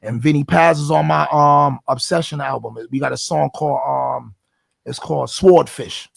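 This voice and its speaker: A man with a New York accent and a raspy voice, a rapper telling stories in a casual interview with lively, profane talk. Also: a little high, normal speed, no room sound. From the Bronx, New York. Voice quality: raspy, gravelly. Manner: animated storytelling, swears freely. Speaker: guest rapper.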